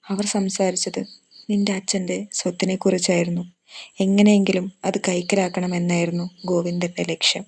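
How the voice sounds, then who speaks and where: A woman's voice: fairly low pitch, little pitch movement, moderate pace, creaky, a little mellow, husky. A woman voicing a grieving old grandmother who confesses a long-kept secret in a trembling voice. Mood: shaken, tearful.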